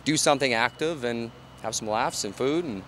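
A man's voice: medium pitch, moderate pace, a bit bright, a little hiss or hum. A man in his thirties, a bar owner, talking casually in an on-site interview, with many fillers like "you know" and "um". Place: outdoors on a street, then inside a large bar and bowling hall. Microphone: handheld reporter mic.

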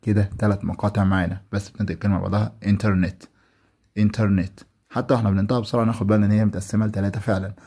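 Gravelly-voiced Egyptian teacher repeating words. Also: male voice, on the low side, little pitch movement, warm tone. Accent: Egyptian Arabic. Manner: repeats each word slowly for pupils to copy. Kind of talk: online lesson for primary pupils.

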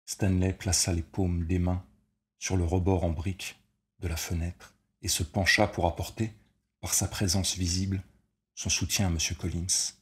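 A man reads a short story aloud in a deep, low voice. His delivery is measured and steady, the even pace of audiobook narration. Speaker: reader.

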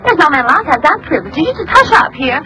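A willful young belle. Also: female voice, sits high, very animated, quick pace, bright, forceful tone, slight background noise, exaggerated voice, poor audio. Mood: coquettish. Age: young adult. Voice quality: coquettish, teasing. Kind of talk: film drama acting.

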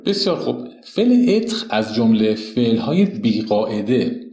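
A man teaching a recorded lesson at a whiteboard. He explains each point and spells out conjugations slowly, one form at a time. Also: fairly low pitch, sing-song, warm tone, echoey room. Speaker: French teacher.

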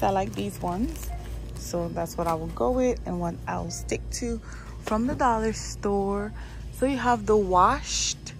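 With a noisy background, a woman shops in a store aisle and chats casually into her handheld phone for a vlog, musing aloud and repeating herself often. Her voice is on the low side.

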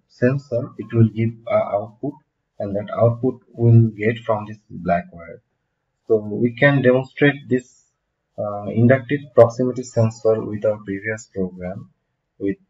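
Man, thirties, low voice, steady step-by-step tutorial, dull lo-fi mic. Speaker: automation instructor. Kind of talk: screen-recorded technical tutorial. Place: small room at a desk. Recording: dull lo-fi home recording.

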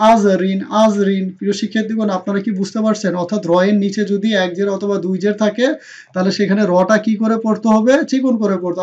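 High-voiced Bengali teacher drilling recitation. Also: male voice. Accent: Bangladeshi Bengali. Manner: drills rules by asking questions and answering them himself; repeats the Arabic words slowly and loudly. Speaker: Quran reading teacher. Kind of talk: online recitation lesson. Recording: dull lo-fi sound.

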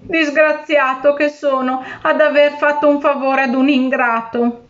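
A woman's voice: high-pitched, level tone, measured pace, highs cut off, pitched above the performer's own voice. A woman voicing a desperate, clever fisherman. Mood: desperate, cunning. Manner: pleading, then shrewd and defiant.

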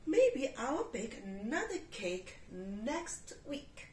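A woman's voice: fairly high pitch, sing-song, extremely slow, darkish tone, reverberant, recorded from a distance, slight background noise, full character voice. A woman voicing a patient male cat in a storybook reading, mild and sighing. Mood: resigned.

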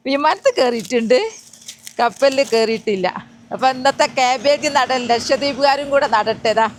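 A woman chatting to her viewers in a casual gardening vlog, recorded outdoors in a garden beside a road. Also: a little high. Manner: chatty, speaks straight to viewers. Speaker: gardening vlogger.

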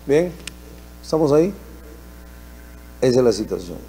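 A man's voice: mid-range voice, sing-song, measured pace, mellow, a little hiss or hum. A man with a Peruvian accent, hosting a TV opinion show and giving indignant political commentary full of rhetorical questions. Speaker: TV opinion host.

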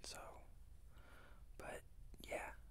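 An American man whispers close to the microphone in an ASMR style. His delivery is very slow and informal, like an unhurried product review for listeners at home. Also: sharp tone. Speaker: fragrance reviewer and ASMR host. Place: small indoor room with shelves of bottles. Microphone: close desktop condenser microphone.

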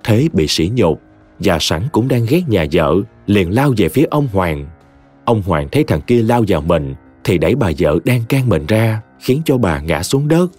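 A man narrating a short story in a dramatic, expressive audiobook reading. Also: lowish voice, moderate pace. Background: soft music.

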